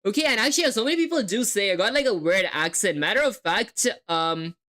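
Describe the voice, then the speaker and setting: She's a young woman coding live, chatting with viewers, thinking aloud, and spelling words letter by letter. Her mid-range voice is animated, fairly quick, and fairly bright, carrying a hybrid accent that's tough to place.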